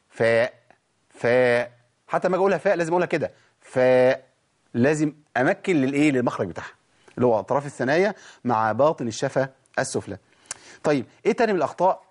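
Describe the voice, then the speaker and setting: A man with an Egyptian Arabic accent teaching Quran recitation rules, animated and demonstrating sounds again and again. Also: mid-range voice. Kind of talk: tajweed lesson.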